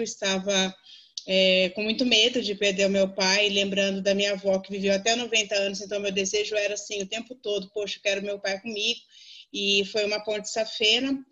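A woman researcher telling a personal story on a video call, in a reflective, earnest way with pauses. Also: medium pitch, fairly bright tone.

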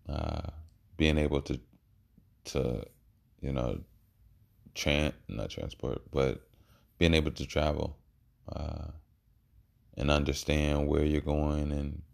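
A man giving a rambling, reflective monologue in a halting way, with trailing pauses. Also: extremely low pitch, vocal fry, a little mellow.

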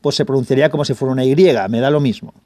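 A man from Valencia with a Valencian Spanish accent, hosting his own channel in a casual explainer monologue. He is patient and restates his points with frequent pauses. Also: medium pitch, a little mellow, dry recording. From Valencia, Spain. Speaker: channel host.

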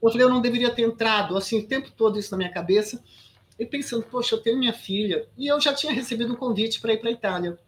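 A woman's voice: on the high side, rapid-fire. A Brazilian woman in her sixties, an actress guesting on an interview podcast, tells a story emphatically with many restarts and "sabe?" asides. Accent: Brazilian Portuguese.

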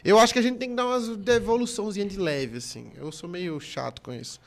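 A man's voice: high-pitched, quick pace, gravelly. A man, a comedian chatting casually on a podcast, rambling with many restarts and jokes.

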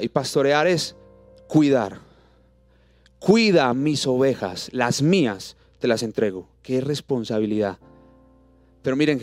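A man with a Colombian Spanish accent preaching a sermon, throwing out rhetorical questions and dropping to soft, intimate tones for the words of scripture. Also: medium pitch, no room sound. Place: church auditorium. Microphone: handheld microphone.

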